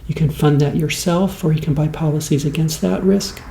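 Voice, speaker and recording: A man in his late fifties talking in a slow, rambling, soft-spoken ASMR way, as host of the show. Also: on the high side, steady tone, gravelly, reverberant, slight background noise. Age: 50s.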